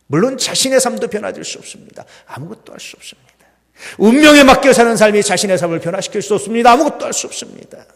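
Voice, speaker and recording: A man preaching a sermon as pastor, swinging between loud emphatic peaks and hushed near-whispers, full of rhetorical questions to the congregation. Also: fairly high pitch, creaky. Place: church sanctuary. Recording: long hall reverb.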